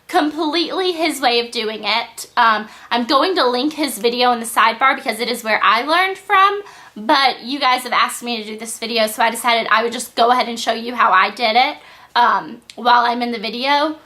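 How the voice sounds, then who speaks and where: A young woman talks through a makeup tutorial, her nose stuffed up and congested. Her voice sits a little high and sounds bright and sharp. She chats casually and fills the gaps with ums. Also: normal speed. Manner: chatty, apologetic, frequent ums. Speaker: beauty vlogger.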